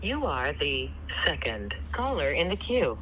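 A recorded automated voice announcing a caller's place in a phone queue, spoken slowly with evenly spaced words. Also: medium pitch, big pitch swings, a bit bright, a little hiss or hum, poor audio.

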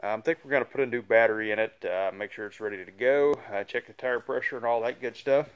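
A man's voice: medium pitch, fast, clear, resonant tone. A man giving a casual, rambling update while walking through his motorcycle shop, filming on a phone. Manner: relaxed, rambling, many "uh" fillers. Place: large indoor motorcycle shop and showroom. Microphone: phone camera held while walking.

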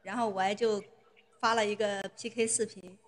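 A woman's voice: mid-range voice, fairly even intonation, normal speed. A young woman chatting casually as a livestreamer. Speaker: novice livestreamer. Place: indoor room.

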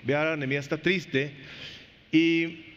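A male pastor preaches with animated swings between hushed low phrases and loud, high bursts, asking the congregation questions as he goes. His voice sits fairly high for a man. The recording carries a long church reverb and a dull, lo-fi sound. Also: a little slow, clean tone. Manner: talks directly to the congregation with rhetorical questions. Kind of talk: sermon. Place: church sanctuary.

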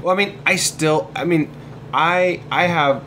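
A comics artist appearing as a podcast guest chats casually, rambling and hesitant with many false starts and restarts. His male voice sits fairly high in pitch and sounds somewhat bright, and he speaks unhurriedly. A slight hiss or hum runs underneath.

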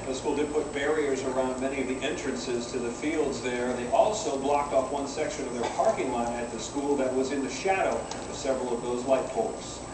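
A man's voice: medium pitch, steady tone, normal speed, few pauses. A man delivering a scripted television news report as a reporter. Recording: distant TV in echoey, noisy room.

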